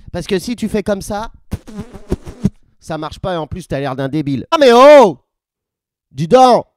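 A man's voice: high-pitched, darkish tone, a little hiss or hum. A man from France teaching a comic beatbox tutorial, playful and clowning with mock-indignant outbursts.

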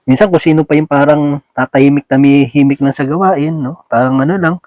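A man's voice: a little high, moderate pace, darkish tone, dry recording. A man giving a conversational sermon, often asking his listeners tag questions, mixing English words into his Filipino, and chuckling between points. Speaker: lay preacher.

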